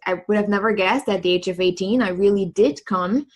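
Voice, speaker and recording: A woman's voice: mid-range voice, brisk. A woman from Germany, a coach telling her story as a guest in a casual interview over a remote call. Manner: lively storyteller, laughs easily.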